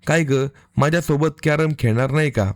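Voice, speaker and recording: A man's voice: a little high, a little fast, dry recording, natural voice. A man reading as a secretive, breezy sister-in-law in a storybook. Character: sister-in-law, secretive woman, sweet on the surface.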